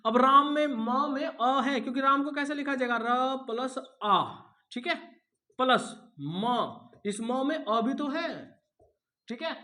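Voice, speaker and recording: A man's voice: very high voice, bright, forceful tone. A male Hindi teacher giving an exam-prep grammar lesson. He repeats key words, asks questions and answers them himself, and calls his students son and brother.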